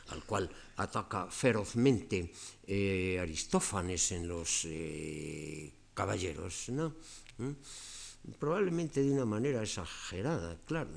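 A man's voice: low voice, vocal fry, darkish tone. An older man from Spain with a Castilian accent, giving an academic lecture and tagging nearly every phrase with a questioning "eh" or "no.". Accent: Castilian Spanish. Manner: digressive, tags phrases with frequent "eh" and "no". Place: lecture hall.

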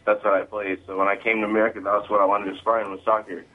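A young man from Zimbabwe calling in by phone as a guest, talking in a relaxed, modest way about his football past. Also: lowish voice, very fast. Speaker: phone-in guest, former college football player. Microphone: telephone. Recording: tinny phone line with faint hiss.

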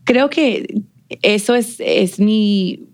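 A woman's voice: mid-range voice, very slow, darkish tone. A woman from the border region being interviewed, talking reflectively with many fillers and some English phrases. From United States, El Paso border region. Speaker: interview guest, business owner. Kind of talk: casual conversational interview.

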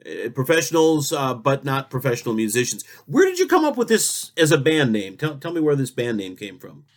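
A man hosting a comic talk show, rambling through absurd questions and deadpan jokes. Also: mid-range voice, brisk.

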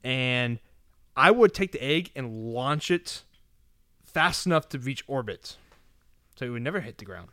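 A man co-hosting a podcast, teasing and quick to laugh. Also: medium pitch, expressive, bright, forceful tone, no echo, studio quality. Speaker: podcast co-host. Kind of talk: casual podcast chat.

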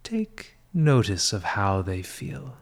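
This man's lowish, sing-song voice carries a guided meditation in a breathy, half-whispered spa style. He sounds soothing and deliberate, letting long pauses stretch between short phrases.

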